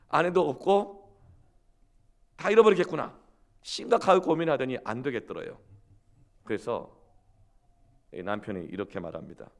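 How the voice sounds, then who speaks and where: A male pastor from South Korea preaching a sermon in an emphatic storytelling manner. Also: mid-range voice.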